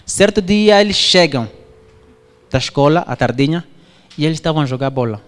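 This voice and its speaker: A man's voice: normal speed, smooth. A man from Angola preaching a sermon, telling a story with his voice swinging up and down. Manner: animated storytelling, voice swings high and low. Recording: long hall reverb.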